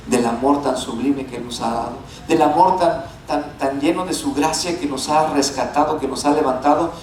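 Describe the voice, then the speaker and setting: A male pastor preaching a sermon, animated and calling on the congregation to repeat after him. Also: on the high side, echoey room, recorded from a distance, slight background noise, rough recording. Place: church sanctuary.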